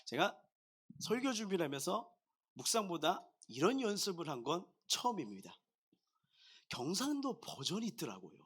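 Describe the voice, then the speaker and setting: Bright, animated male pastor preaching. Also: high-pitched, moderate pace, breathy edge. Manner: animated, jovial preaching with frequent laughter; addresses the congregation directly. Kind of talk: sermon.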